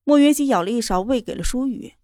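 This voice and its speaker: A woman reading a romance novel aloud in a steady, even storytelling voice. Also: a little high, fast, dry recording, studio quality. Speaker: narrator. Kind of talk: scripted novel narration.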